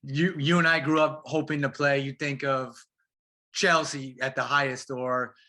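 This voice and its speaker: A man, a professional soccer player, talking as a guest in a casual interview, animated and slangy, calling his host bro and man. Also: medium pitch, a little slow.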